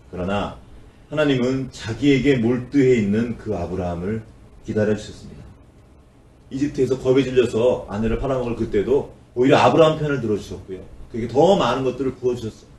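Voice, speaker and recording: A man's voice: mid-range voice, fast, a little mellow. A man preaching a sermon as a pastor, acting out the complaints of the people in his story with a rising, pleading voice. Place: church sanctuary. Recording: roomy church sound, voice from a distance.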